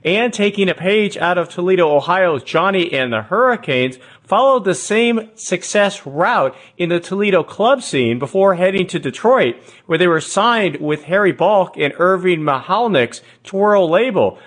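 A radio show host with a fairly high, slightly husky voice reads his scripted narration in a smooth, measured storytelling style. His delivery is animated, with a fairly bright tone.

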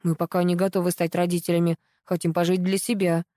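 Woman voicing a jittery young man, hurried flustered replies, mellow dry tone. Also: fairly low pitch, little pitch movement, no room sound, natural voice. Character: nervous, evasive young husband and car seller.

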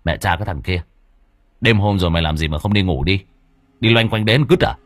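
A man voicing a rough, short-tempered village gang boss who curses and barks orders. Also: sits low, fairly quick, no echo, studio quality. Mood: angry. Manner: gruff, cursing, bossy.

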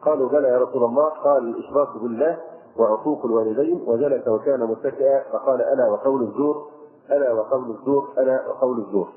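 A man's voice: mid-range voice, steady tone, rapid-fire. A male Islamic scholar giving a religious lesson, explaining scripture line by line with fillers. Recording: tinny phone-like lo-fi recording.

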